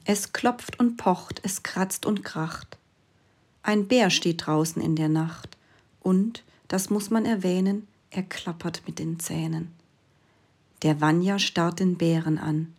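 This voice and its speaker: A woman reading a rhyming children's story aloud, dropping into soft whispers for suspense. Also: lowish voice, takes it slowly, husky.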